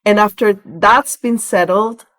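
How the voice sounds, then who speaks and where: A measured pace and fairly bright tone mark this mid-range female voice. A relocation director from Venezuela, she's a guest on a podcast, responding conversationally with stories and explanations.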